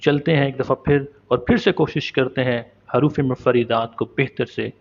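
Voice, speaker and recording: A man teaches letter sounds at a patient, steady pace. He sounds each letter out slowly and repeats it. The recording is dull and lo-fi. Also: mid-range voice. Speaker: Quran recitation teacher. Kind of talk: step-by-step pronunciation lesson.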